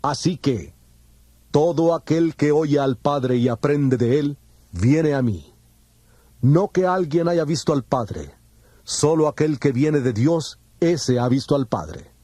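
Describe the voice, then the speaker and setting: A man playing Jesus as a solemn teacher, speaking in a measured, declamatory way in a dramatized scripture reading, with music behind him. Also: on the high side, lively intonation, warm tone, no room sound, studio quality. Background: background music.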